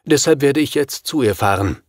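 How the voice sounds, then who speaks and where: A man's voice: mid-range voice, expressive, normal speed, no echo, studio quality, natural voice. A man reading an audiobook, voicing a desperate, anxious father who fears for his son. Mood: worried. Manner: anxious, agitated. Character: worried middle-aged father, desperate, pleading.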